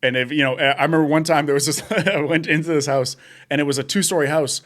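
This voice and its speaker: A man's voice: a little high, steady tone, quick pace, fairly bright tone. A young man co-hosting a podcast, telling job stories in casual chat, swearing often and laughing as he goes. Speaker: podcast co-host.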